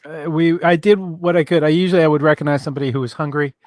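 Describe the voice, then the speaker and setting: A man hosting a casual interview podcast, talking haltingly with many stops and restarts. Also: a little high, fairly even intonation, dry recording, clean studio sound. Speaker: podcast host.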